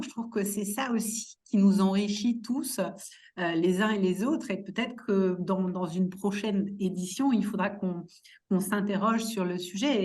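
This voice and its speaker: A woman's voice: mid-range voice, darkish tone. A woman moderating a webinar panel, courteous and hesitant, with many fillers as she asks her questions.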